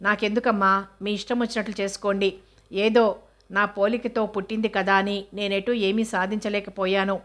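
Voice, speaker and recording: A woman reading the part of a proud, film-crazy mother who answers her daughters with sharp, indignant retorts. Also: mid-range voice, flat delivery, normal speed, natural voice.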